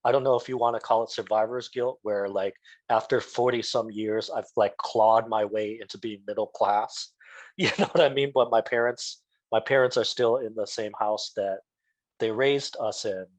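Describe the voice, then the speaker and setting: A man's voice: lowish voice, steady tone, normal speed, dry recording, rough recording. A man, a children's book author, speaking in a reflective, rambling way full of fillers. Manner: reflective, rambling, many fillers like "like" and "you know". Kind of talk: interview talk.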